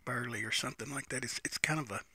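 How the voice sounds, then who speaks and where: A man's voice: medium pitch, quick pace, sharp tone, breathy edge. A man giving a casual, unscripted, folksy review, musing and repeating phrases as he smokes a pipe between them. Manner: talks while smoking a pipe between phrases.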